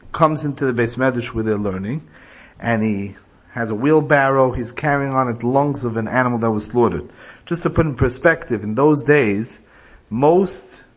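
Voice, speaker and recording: Husky-voiced man teaching a religious class. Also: medium pitch. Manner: explanatory, tells illustrative stories. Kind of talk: religious lecture with storytelling.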